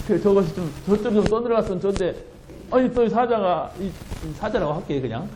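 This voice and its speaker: A man preaching a sermon as pastor, telling a story with animated, laughing delivery. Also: sits high, moderate pace, echoey room, slight background noise, low-quality recording. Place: church sanctuary.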